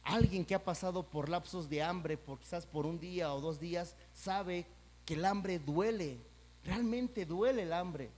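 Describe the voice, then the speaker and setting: A pastor preaching a sermon, talking conversationally and then building to loud, emphatic peaks. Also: male voice, high-pitched, measured pace. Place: church sanctuary. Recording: church hall with long reverb.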